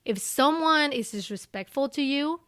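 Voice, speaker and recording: Ecuadorian woman, spanish accent, pretty high voice, dry close sound, chatty guest who says "like" a lot. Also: moderate pace, no room sound. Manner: animated, frequent fillers like "you know" and "like". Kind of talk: casual interview conversation.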